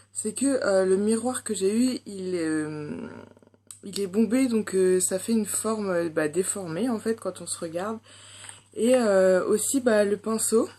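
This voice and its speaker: Chatty young Frenchwoman with mellow voice. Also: medium pitch, slight background noise. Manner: chatty, hesitant, many fillers. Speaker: beauty vlogger. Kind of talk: casual makeup review.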